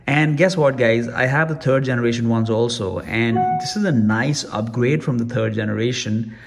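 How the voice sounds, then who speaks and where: A man's voice: mid-range voice, moderate pace, gravelly, soft background music. Chatty man reviewing a gadget. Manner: chatty and rambling, with restarts. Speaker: tech reviewer. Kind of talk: casual product review. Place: room at home.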